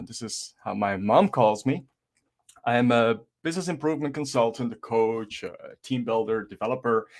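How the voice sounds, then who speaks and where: A man from Belgium with a Flemish accent, giving an enthusiastic online conference presentation with plenty of filler words over a video call. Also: mid-range voice. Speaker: conference speaker. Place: presenting remotely from home city.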